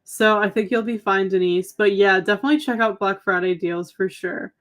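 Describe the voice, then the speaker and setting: This young adult woman co-hosts a livestream, reading viewer comments in casual chat packed with "um" and "like." Her mid-range voice is brisk and fairly bright, though it sounds slightly tired, as if she's losing it a little.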